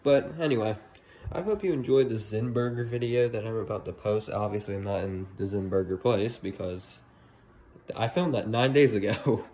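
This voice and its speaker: The audio is poor as a teenage vlogger with a lowish voice talks at normal speed, walking a mall at night with his phone held at arm's length. He rambles loosely, filling gaps with fillers and closing on upbeat sign-offs, over constant outdoor noise.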